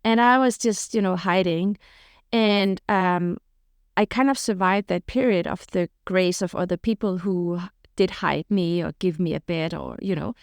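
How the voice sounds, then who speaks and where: Speaking a little slowly in a smooth, low-leaning voice, a middle-aged woman from Denmark shares her past as a guest on a podcast. She is frank and open, with lively storytelling and frequent "you know," and the recording is dry with clean studio sound.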